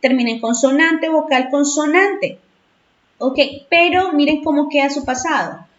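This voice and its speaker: A woman explains English grammar in a slow, patient way, often asking her class if they follow. Her voice is a little high and sounds distant in an echoey room. The recording is dull and lo-fi. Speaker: English teacher. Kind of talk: bilingual grammar lesson.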